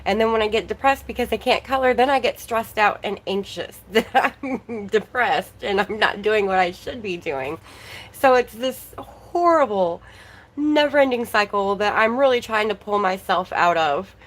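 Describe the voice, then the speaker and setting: A woman's voice: medium pitch, lively intonation, normal speed, few pauses, rough recording. A woman hosting a casual livestream, chatting and greeting viewers by name while her voice is slightly worn. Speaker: livestream host.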